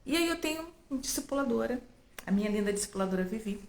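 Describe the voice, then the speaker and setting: A woman's voice: a little high, lively intonation, very fast, reverberant. A Brazilian woman giving an emotional church testimony, telling a story and speaking straight to listeners. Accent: Brazilian Portuguese. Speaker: preacher sharing a testimony. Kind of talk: spoken testimony to a church audience.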